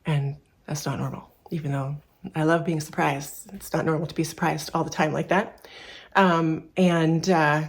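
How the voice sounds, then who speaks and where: A woman's voice: low voice, steady tone, normal speed. A woman in her thirties from Canada, a furniture repair shop owner, talking candidly to camera in a personal vlog, a little out of breath and rambling with restarts.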